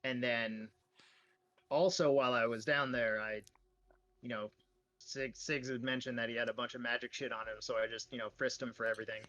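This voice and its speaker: A man's voice: medium pitch, steady tone, a little fast, fairly bright tone, muffled recording. A man playing a tabletop role-playing game, casually telling events as his character.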